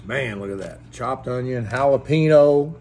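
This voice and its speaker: A man's voice: a little high, lively intonation, measured pace. Folksy man chatting over barbecue. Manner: folksy, chatty, laughs between bites. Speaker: food vlogger reviewing a barbecue restaurant. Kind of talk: casual food review vlog. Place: restaurant dining room. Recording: faint background noise in a restaurant.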